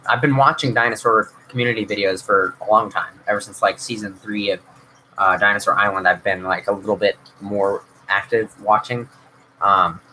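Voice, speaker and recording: A young man runs a casual livestream on his own YouTube channel, fielding viewer questions in a rambling, filler-heavy way with frequent restarts. His voice sits on the low side, bright and forceful, and the poor audio carries a little hiss or hum.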